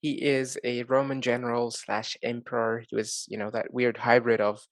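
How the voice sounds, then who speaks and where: A man's voice: medium pitch, little pitch movement, normal speed, no echo, studio quality. A man answering interview questions in easy casual chat over a video call, joking and laughing at himself. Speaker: guest.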